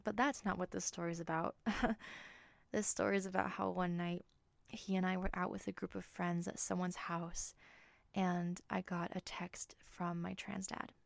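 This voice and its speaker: Young woman host, gravelly and low-pitched, gentle storytelling that sinks to a whisper, dry close recording. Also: little pitch movement, moderate pace, dry recording. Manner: soft, reflective, often drops to a whisper. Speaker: podcast host. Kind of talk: personal storytelling monologue.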